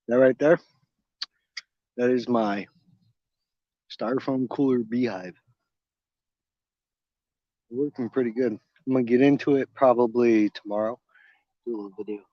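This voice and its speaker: Heard in dull, dry phone audio with no room sound, a man with a mid-range voice strolls his home garden outdoors. He's a gardening channel host in his thirties, casually rambling on a live stream from the phone in his hand while munching on fruit.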